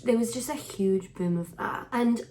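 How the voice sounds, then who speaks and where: This young woman from Wales, a native Welsh speaker, comments on fashion straight to camera in a relaxed way. Her voice sits a little high with a gravelly fry, and she speaks unhurriedly, frankly and conversationally, at times fading into a soft near-whisper.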